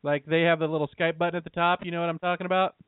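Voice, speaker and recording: A man's voice: on the high side, flat delivery, racing, clear, resonant tone, no echo. A man co-hosting an internet radio show in blunt, profane banter, his voice breaking up over a glitchy call. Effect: voice breaking up over a glitchy, staticky Skype call. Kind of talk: casual banter. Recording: tinny, dry internet call line breaking up.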